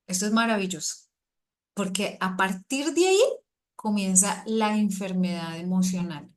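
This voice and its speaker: A middle-aged woman, preaching a sermon to a women's group with lively, animated emphasis. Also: medium pitch, moderate pace. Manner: lively, rising to animated emphasis when acting out quotes.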